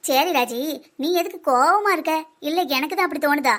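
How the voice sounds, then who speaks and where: A woman's voice: lively intonation, brisk, fairly bright tone. A woman voicing a bossy, chatty older village mother-in-law in a cartoon, with a southern Tamil Nadu accent and a girlish voice. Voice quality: high, girlish voice for her age. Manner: teasing, bossy scolding. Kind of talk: village comedy cartoon dub.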